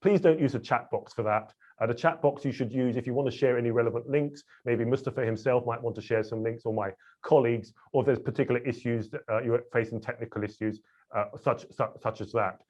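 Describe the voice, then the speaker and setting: A man's voice: mid-range voice, steady tone, quick pace, darkish tone. Man hosting a lo-fi webinar. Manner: chatty, self-deprecating, with fillers. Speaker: webinar host. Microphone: video call. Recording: dull lo-fi video call audio.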